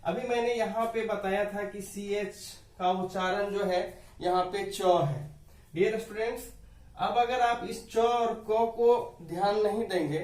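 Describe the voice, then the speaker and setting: Man, high voice, patient grammar teacher, echoey room heard from a distance. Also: a little mellow. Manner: patient, repeats rules, addresses dear students. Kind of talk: classroom explanation to students.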